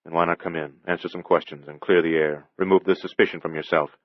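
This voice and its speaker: A man playing a male police detective who speaks calmly and guardedly. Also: low-pitched, fast talker, no echo, dull audio, close to an everyday voice. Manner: calm, clipped, guarded.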